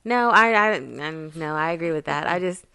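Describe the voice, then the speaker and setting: A woman's voice: on the low side, brisk, pushed and bright, smooth, no echo. Chatty woman, dry close mic. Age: 30s. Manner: laughs often, loose and chatty. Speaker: podcast co-host. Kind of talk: casual chat.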